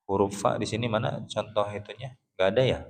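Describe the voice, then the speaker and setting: A man from West Java with a Sundanese accent, teaching Quran recitation in a mosque. He patiently explains how the letters sound, then chants verses slowly for the class to repeat, and often clears his throat. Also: fairly low pitch, steady tone. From Sundanese region of West Java, Indonesia. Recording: long reverb of a mosque hall.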